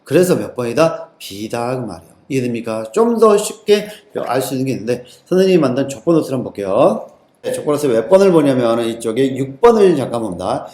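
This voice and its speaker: A man's voice: mid-range voice, big pitch swings, quick pace, dark tone, echoey room. A man teaching an exam-prep lesson, constantly quizzing his students and repeating the answers back to them. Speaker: TOEIC English teacher. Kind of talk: lecture-style exam lesson.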